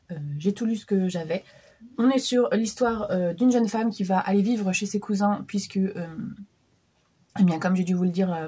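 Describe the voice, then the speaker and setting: A woman's voice: fairly low pitch, darkish tone, husky. A woman in her thirties with a stuffed-up nose from a cold, chatting casually about books she has been reading, with lots of fillers. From France. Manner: chatty, many fillers and restarts. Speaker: book vlogger. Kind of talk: casual chat.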